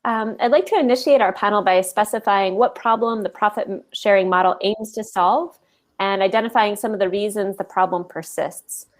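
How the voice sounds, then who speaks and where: Woman moderating a panel, measured. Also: medium pitch. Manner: measured, with frequent ums. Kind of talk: panel discussion presentation.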